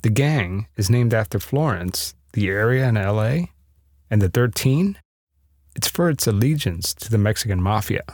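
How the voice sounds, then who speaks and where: A man's voice: lowish voice, animated, normal speed, darkish tone, dry recording, clean studio sound. A man narrating a scripted true-story podcast with a dramatic storytelling delivery.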